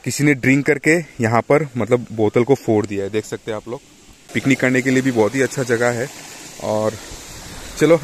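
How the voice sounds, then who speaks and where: A young man narrating a travel vlog at a rocky waterfall, chatting and showing viewers around, with a phone camera held at arm's length. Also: mid-range voice. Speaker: vlogger. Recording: outdoor noise behind.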